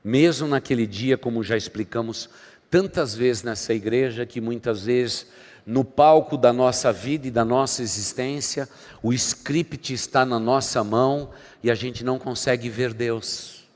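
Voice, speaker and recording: A man preaching a sermon as pastor, dramatic, swinging between loud emphasis and quiet asides. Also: medium pitch, measured pace. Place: church sanctuary. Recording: long hall reverb from church.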